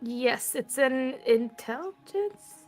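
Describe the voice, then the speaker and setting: A woman's voice: high voice, expressive, takes it slowly, soft background music. A woman chatting casually as a player in a tabletop role-playing game.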